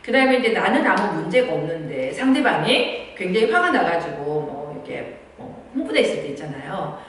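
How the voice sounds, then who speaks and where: A woman teaching parents how to talk with their children, explaining gently and acting out short dialogues. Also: lowish voice, very animated, brisk. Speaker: parenting instructor. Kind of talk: lecture with acted-out dialogue examples. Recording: echoey room from far off with faint noise.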